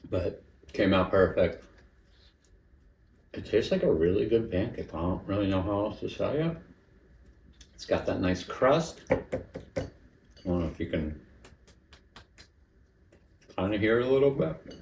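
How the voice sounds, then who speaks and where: Deep-voiced man chatting while cooking. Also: lively intonation, measured pace, long pauses, darkish tone, roomy sound, far from the mic, a little hiss or hum, poor audio. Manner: chatty, self-critical, talks while eating. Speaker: home cooking channel host. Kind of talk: casual cooking vlog with tasting.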